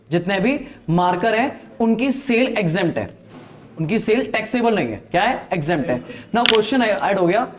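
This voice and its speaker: A man teaching a classroom of students, quizzing them and checking "okay?" after each point. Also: sits high. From Delhi, India. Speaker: accounting teacher. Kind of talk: classroom lecture.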